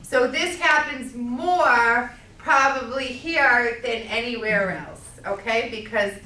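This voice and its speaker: A middle-aged woman with a Massachusetts accent teaching a speech class, loud and projecting, checking in with "okay?" as she goes. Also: a little high, slow, distant mic. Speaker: college speech instructor. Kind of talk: classroom lecture. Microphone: camera at a distance. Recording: echoey classroom recorded from afar.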